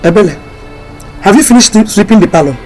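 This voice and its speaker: A woman's voice: medium pitch, lively intonation, fast, a little mellow, faint music behind, lightly acted. A woman with a Nigerian accent acting a harsh, scolding mother in a film drama.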